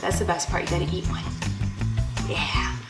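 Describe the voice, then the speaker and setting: A woman's voice: sits low, normal speed, vocal fry. A woman talking casually and playfully, encouraging a small child in simple phrases and chatting to viewers. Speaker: mother vlogging with her toddler. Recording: roomy echo, loud background music. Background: loud music.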